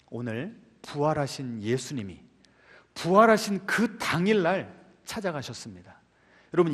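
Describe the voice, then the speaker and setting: A fairly high-voiced man preaching a Sunday sermon, his pitch leaping up and down as he keeps throwing questions at the congregation. The voice carries through a church sanctuary with a long, ringing reverb. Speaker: pastor.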